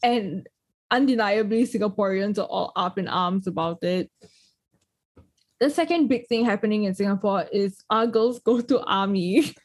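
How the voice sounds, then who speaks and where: A young woman hosting a podcast, speaking with a noticeable lisp. She talks in a chatty, expressive way, full of quick asides and reactions. Her voice sits at a medium pitch. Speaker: podcast host. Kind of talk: casual chat.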